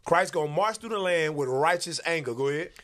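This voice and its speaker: Speaking a little fast into a boom-arm studio mic, a host and Bible teacher leads a religious commentary show from a small studio. He's animated and preacherly, with a slightly high, lively voice, repeatedly asking for scripture to be read.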